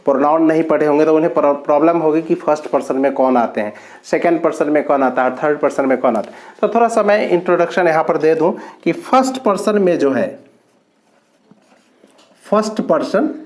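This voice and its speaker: A man teaching an English grammar lesson, explaining slowly with drawn-out words and repeated points. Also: fairly high pitch, animated, a little mellow.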